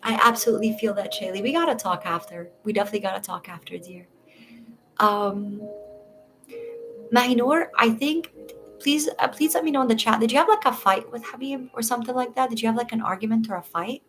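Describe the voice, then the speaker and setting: A woman from Egypt gives tarot readings live and chats casually with her viewers. She is reassuring and calls them dear, and clear background music plays behind her voice. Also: a little high, brisk, fairly bright tone. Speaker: tarot reader. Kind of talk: casual livestream chat.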